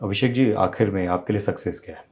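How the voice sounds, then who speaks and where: A man's voice: low-pitched, fast, darkish tone. A male interviewer asking brief, prompting questions and giving short acknowledgements.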